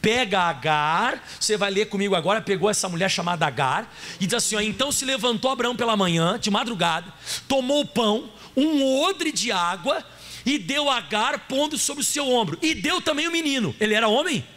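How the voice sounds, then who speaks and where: A Brazilian pastor preaching with a very high, bright, forceful voice. He swings between loud peaks and low asides, acting out the voices he quotes. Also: lively intonation, brisk. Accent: Brazilian Portuguese. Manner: preaching with dramatic rises and drops, acting out God's voice. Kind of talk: sermon.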